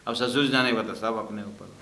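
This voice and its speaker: A man's voice: fairly low pitch, brisk, sharp tone. A man teaching a scripture class, explaining verses and acting out the dialogue in small stories. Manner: acts out dialogue in story asides. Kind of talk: Hindi scripture class with storytelling. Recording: roomy echo.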